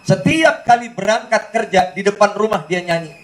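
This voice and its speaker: A man with an Indonesian accent preaching a lively sermon to a congregation, joking and questioning his listeners, now and then breaking into song. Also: high-pitched, moderate pace, low-quality recording. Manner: joking, questions the audience directly, sings snatches.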